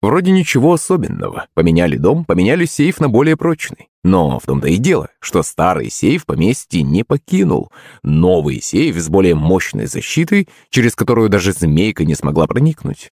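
A man narrating an audiobook in an expressive way. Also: low voice, normal speed, no echo, clean studio sound.

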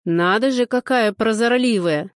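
Женщина-чтец озвучивает грубоватого деревенского мужика, говорит медленно и с нажимом, будто рычит. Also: female voice, a little high, a little slow, no room sound, clean studio sound, natural voice. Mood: gruff. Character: gruff rural man, grumpy and blunt.

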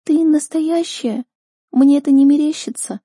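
Lady doing a weepy young girl locked up, high and thin, breaking voice, kinda husky and dry. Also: measured pace, dark tone, dry recording, full character voice. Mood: tearful. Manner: sobbing, weak and broken. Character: tearful exhausted young captive girl.

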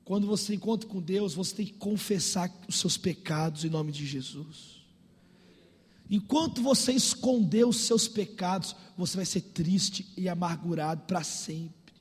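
A man preaching a sermon as a pastor, fervent and shouting, with comic asides, his voice hoarse and tired. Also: high voice, measured pace. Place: church. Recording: reverberant church hall.

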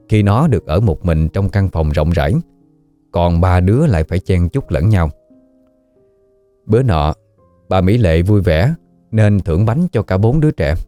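Deep somber male storyteller. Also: warm tone. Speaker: narrator. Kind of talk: ghost story audiobook narration.

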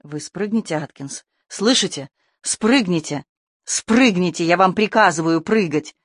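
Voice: mid-range voice, unhurried, a bit bright, no echo. An audiobook reader voicing a desperate man who orders and begs a comrade to jump. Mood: urgent pleading. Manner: pleading, commanding.

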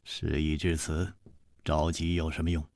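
A male storyteller voicing a calm, unflappable hero who speaks low, soft and understated, in a traditional storytelling performance. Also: normal speed, slight background noise.

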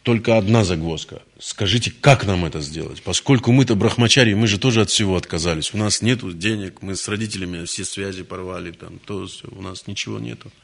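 Figure: eager young male monks, devoted, as a lecturer voices them. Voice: low, gravelly. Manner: pleading. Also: a little fast, hardly any pauses, exaggerated voice.

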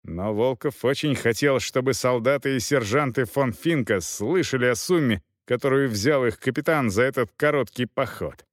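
A man narrating an audiobook in a lively, dramatic reading. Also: mid-range voice, normal speed, hardly any pauses, no room sound, studio quality.

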